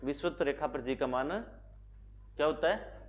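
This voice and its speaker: A man's voice: fairly high pitch, moderate pace. A male physics teacher with a Haryanvi Hindi accent, lecturing a classroom and constantly asking questions he then answers himself. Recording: slightly dull lo-fi recording.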